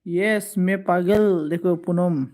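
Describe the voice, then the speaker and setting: High, slow-talking man on a live stream. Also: darkish tone. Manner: playful, teasing, greets and answers viewer comments. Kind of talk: casual live-stream chat.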